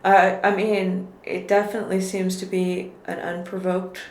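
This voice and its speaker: A woman with a lowish voice speaks flatly at a moderate pace as a guest in a relaxed political podcast conversation. Thoughtful and measured, she repeatedly restarts her sentences, recorded in an echoey room with faint noise.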